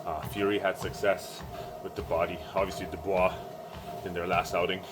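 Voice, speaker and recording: A man giving casual, halting solo sports commentary, thinking aloud while exercising on a treadmill. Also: deep voice, little pitch movement, rough recording. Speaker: boxing vlogger giving fight predictions. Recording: music playing behind the voice.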